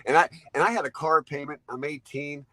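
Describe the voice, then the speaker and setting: A man's voice: a little high, steady tone, a little fast, sharp tone, dry recording, rough recording. A man in his fifties, a truck driver guest, tells long rambling anecdotes, laughing often and acting out what people said. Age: 50s. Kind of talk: storytelling interview.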